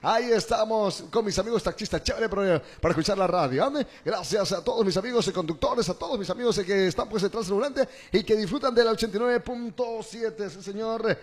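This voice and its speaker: A man's voice: high-pitched, brisk, few pauses, breathy edge. A man with an Ecuadorian accent hosting an informal radio show, chatting colloquially and repeating his phrases. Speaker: radio host.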